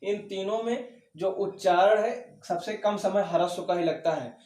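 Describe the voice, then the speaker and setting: A man's voice: sits high, a little slow, darkish tone. A man teaching an exam-prep grammar lesson, asking questions and answering them himself, often checking with "okay". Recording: echoey room, mic at a distance.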